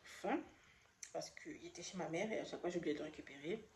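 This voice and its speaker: A woman's voice: fairly low pitch, fast, a little mellow. A woman who is a beauty vlogger and makeup artist, chatting casually through a product haul with a French accent, hesitating and stumbling over product names. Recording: echoey room, faint background noise.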